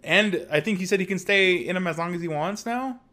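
A young man co-hosting a podcast in casual chat, often pausing to search for words. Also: high voice, sharp tone. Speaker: podcast co-host. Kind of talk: casual chat about an anime.

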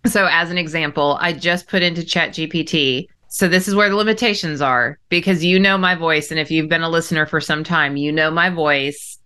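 A woman with a light Southern accent hosts a casual podcast chat. Her voice sits a little low but comes across bright and forceful, and she talks in a direct, chatty way with plenty of fillers. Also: steady tone, a little fast, few pauses, smooth. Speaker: podcast host.

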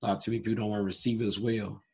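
A man with a hoarse voice hosting a casual interview, speaking in a halting, apologetic way. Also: lowish voice, flat delivery, darkish tone. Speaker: interview host.

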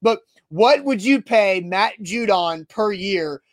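A man's voice: high-pitched, lively intonation, slow pace, no echo, studio quality. A man hosting a casual sports talk podcast, blunt and repeating himself when worked up. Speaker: podcast host.

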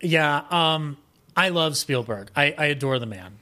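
With a fairly high, expressive voice that sounds pushed and bright, a man speaks at a measured pace. He's a podcast guest chatting casually and opinionatedly about music and film, emphatic and keen, and he often restarts mid-thought.

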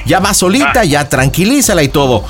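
A man hosting a radio prank show, coaching a caller through a prank in a playful, animated way. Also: a little high, a little fast, faint music behind.

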